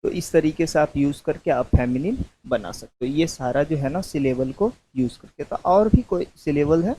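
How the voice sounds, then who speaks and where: A man teaching a grammar lesson, dictating slowly and repeating terms, calling his students "babu". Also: fairly high pitch, expressive, dark tone, breathy edge, poor audio. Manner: slow, repetitive dictation, mixing English terms into Hindi.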